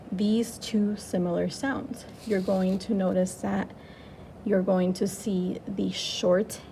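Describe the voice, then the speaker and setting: A woman teacher walks young children through a phonics lesson, drawing out each letter sound with patient, encouraging care. Her voice carries a gravelly fry at mid pitch, and a faint hiss of noise sits underneath. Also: warm tone. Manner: slow, clear, encouraging teacher talk with drawn-out sounds.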